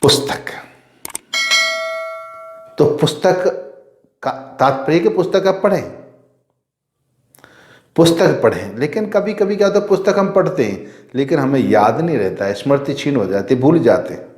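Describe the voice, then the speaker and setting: Priest who quizzes then answers himself. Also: male voice, medium pitch, sing-song, moderate pace, pauses often, a little mellow, echoey room. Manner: asks rhetorical questions and answers them himself; repeats key phrases for emphasis. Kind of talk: devotional teaching talk.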